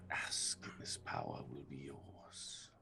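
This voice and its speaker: A man voicing a sickly sweet, seductive queen of pox and rot in a soft, breathy whispered role-play. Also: very deep voice, lively intonation, takes it slowly, pitched below the performer's own voice, full character voice. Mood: sweetly tempting.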